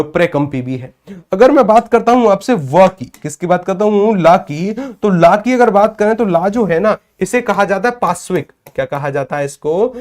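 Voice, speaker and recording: High-voiced man teaching a class. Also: a little mellow. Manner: asks questions and answers them himself; repeats key terms for emphasis. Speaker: Hindi teacher. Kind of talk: online exam-prep class lecture.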